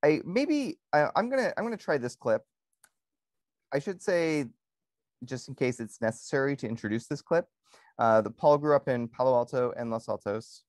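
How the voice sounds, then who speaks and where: A man co-hosting a podcast in casual conversation, pausing often with ums and restarting his sentences. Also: medium pitch, expressive, a little mellow, no room sound, clean studio sound. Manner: hesitant, many ums and restarts. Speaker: podcast co-host.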